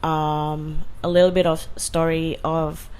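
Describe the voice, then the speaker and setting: A woman's voice: sits low, level tone, takes it slowly, a little mellow, smooth. A woman, a guest telling her story earnestly with fillers and restarts. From Indonesia. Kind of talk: casual interview.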